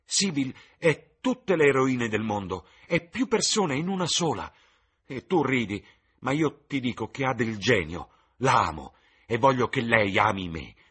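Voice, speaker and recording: Man voicing an infatuated young man, audiobook reading, eager and rising, lively swings, husky edge. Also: low-pitched, moderate pace, exaggerated voice. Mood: ardent. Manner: eager, rising, breathless enthusiasm.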